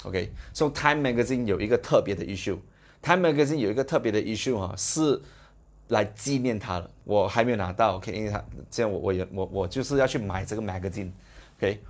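A young Malaysian-accented man talks fast and with lots of energy, telling a motivational story to his live video viewers. His voice sits fairly low, and he punctuates the telling with excited exclamations.

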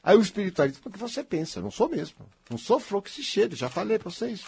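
A man with a husky voice gives a blunt, emphatic spiritual talk to an audience, often swelling to near-shouts. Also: high-pitched, big pitch swings, quick pace.

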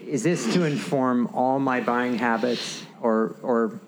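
A man's voice: mid-range voice, takes it slowly, slight background noise, low-quality recording. A man co-hosting a casual podcast conversation, rambling and restarting as he tells stories. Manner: rambling, self-interrupting, animated storytelling. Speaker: podcast co-host.

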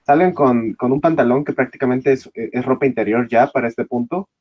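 Deadpan male voice, mock-serious advice, dry and slightly muffled. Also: mid-range voice, fairly quick, no room sound. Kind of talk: casual chat.

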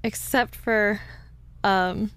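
A woman's voice: mid-range voice, fairly even intonation, very slow, fairly bright tone, smooth. A young woman from California co-hosting a podcast, chatty and giggly after a few drinks. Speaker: podcast co-host. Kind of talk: casual chat.

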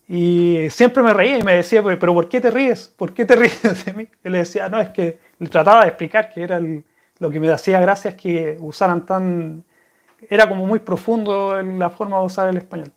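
A man with a Chilean accent chats casually to camera, answering viewers' questions in a rambling, friendly way. His voice sits high and he talks a little fast.

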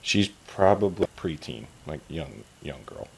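A man's voice: extremely low pitch, sing-song, measured pace, gravelly, a little mellow, a little hiss or hum. A man narrating as game master of a tabletop game, casual and chatty, laughing and using lots of fillers.

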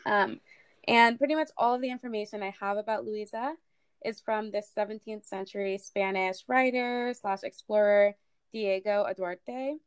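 A woman's voice: mid-range voice, fairly even intonation, normal speed, clear, resonant tone, dry recording. A woman co-hosting a casual history podcast, talking in a chatty way with many fillers. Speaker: podcast co-host.

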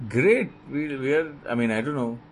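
A man's voice: mid-range voice, animated, moderate pace. A man with an Indian accent co-hosting a podcast, wryly riffing in casual comedic chat and switching between languages. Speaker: podcast co-host.

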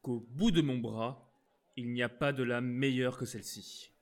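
A man's voice: fairly low pitch, natural voice. A man voicing a proud, hot-tempered young musketeer. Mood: angry. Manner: proud, quick to anger.

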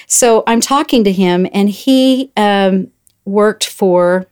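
A woman's voice: mid-range voice, slow pace, darkish tone, clear, resonant tone. A middle-aged woman chatting as a guest, telling a story and acting out the voices she quotes. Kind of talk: casual storytelling chat.

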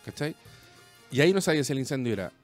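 A man with a Chilean accent telling a story in casual chat, rambling and animated, full of slang. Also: medium pitch, racing, faint music behind.

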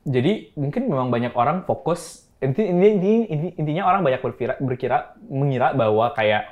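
Male founder, 30s, casual interview storyteller, code-switches, mid pitch. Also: animated, fairly quick, phone-quality sound. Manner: mixes English into Indonesian, acts out quoted people. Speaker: startup founder guest.

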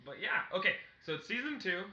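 A man with a high voice co-hosts a comedy podcast in loose, sweary chat. His tone is sharp and forward. The room echoes around him. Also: sing-song, fairly quick, dull audio. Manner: crude, profane, joking. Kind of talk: casual chat.

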